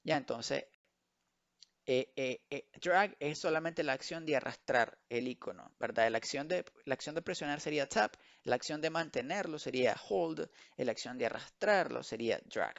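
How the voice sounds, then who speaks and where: A man with a fairly high, creaky, rather bright voice, heard with the highs cut off, teaches English vocabulary to kids online. Switching between Spanish and English, he repeats every word patiently in a slow, drilled way.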